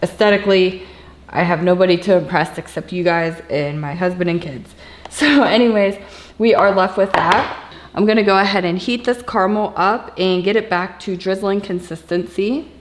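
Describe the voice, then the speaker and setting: A woman's voice: lowish voice, moderate pace. A woman hosting a home cooking video, chatting casually and laughing at her own slip-ups. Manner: chatty, self-deprecating, laughs at herself. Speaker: home cooking channel host. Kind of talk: casual cooking demo chat. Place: home kitchen. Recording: echoey room with faint background noise.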